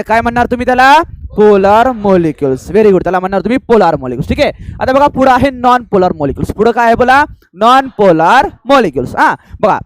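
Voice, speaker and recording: Fast high-voiced teacher drilling a class. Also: male voice, no echo. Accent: Marathi. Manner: call-and-response drilling, urging students to answer loudly; mixes English terms into fast classroom talk. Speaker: chemistry teacher. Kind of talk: classroom lecture.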